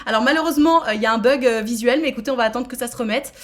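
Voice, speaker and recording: A woman's voice: a little high, very fast. A woman from France hosting a live-streamed speed dating show, chatting casually and playfully with many fillers.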